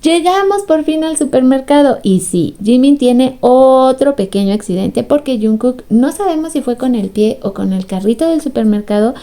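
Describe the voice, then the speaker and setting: Amused woman, mellow higher voice. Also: expressive, moderate pace, hardly any pauses. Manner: amused, laughs often, acts out quoted lines in higher voices. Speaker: fan commentator. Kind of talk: casual recap commentary.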